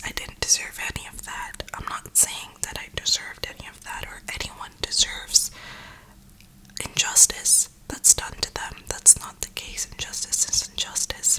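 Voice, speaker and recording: Here an ASMR creator who also games murmurs in a gentle, airy whisper near the microphone, offering heartfelt, contemplative motivation. The audio quality is poor.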